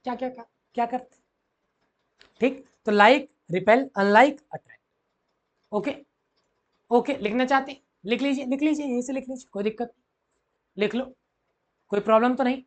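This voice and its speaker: A man teaching physics to school students, who repeats key phrases and keeps asking the class questions. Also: very high voice. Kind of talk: classroom lecture mixing Hindi and English.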